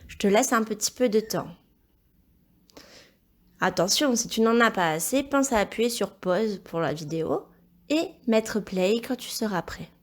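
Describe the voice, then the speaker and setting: A woman teaching a recorded phonics lesson to young children, speaking slowly and carefully, repeating each word and praising the answers. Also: medium pitch, animated. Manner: slow, careful, encouraging, spells out sounds and syllables. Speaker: primary school teacher.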